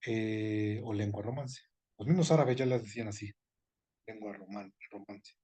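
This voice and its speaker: A man's voice: on the low side, moderate pace, dark tone, husky. Patient man lecturing, correcting himself. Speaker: seminar lecturer on etymology. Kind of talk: explanatory online class.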